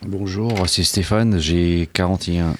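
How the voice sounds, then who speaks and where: A man's voice: low-pitched, steady tone, unhurried. A man in his forties answering questions in a radio studio, plain and hesitant, correcting himself as he goes. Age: 40s. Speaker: interviewee. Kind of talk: radio interview.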